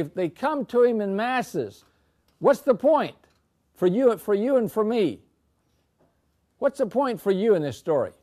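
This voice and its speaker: An older man teaching a scripture class, asking the students questions and repeating words as he gets excited. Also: a little high.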